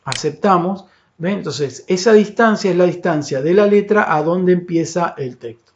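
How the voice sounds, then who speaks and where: A man's voice: sits high, moderate pace. Man, screen-recorded tutorial, patient explainer, frequent check-ins, faint hiss behind. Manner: filler "eh" and "este" between phrases. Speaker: teacher. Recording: dull lo-fi audio with faint hiss.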